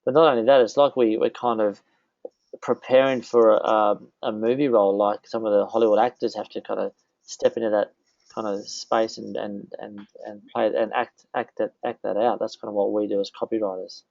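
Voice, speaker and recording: A man's voice: fairly low pitch, little pitch movement, normal speed, vocal fry, darkish tone, no echo, dull audio. A man hosting a casual interview, rambling and often restarting his sentences. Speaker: host.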